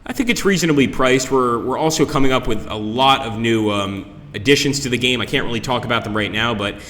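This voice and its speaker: A man gives casual live commentary on a game he is playing, addressing his viewers as he goes. His voice is bright and forceful at a middling pitch. It rings with a long, cave-like echo from the conference room he streams in. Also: brisk. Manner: talks to viewers, greets them by name.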